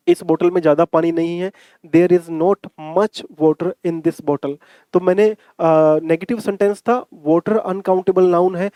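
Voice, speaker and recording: A man teaching English grammar for exams, coaxing students and checking "ठीक है?" often, reading his English examples slowly. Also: high-pitched, darkish tone, no room sound. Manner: coaxing, repeats points, asks 'ठीक है?' often; slow drawn-out English example sentences. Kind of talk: exam-prep grammar lesson in Hindi with English.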